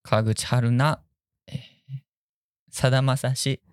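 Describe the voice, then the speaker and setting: A man chatting casually as co-host, relaxed and jokey. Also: mid-range voice, takes it slowly, smooth, no echo, studio quality. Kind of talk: casual chat.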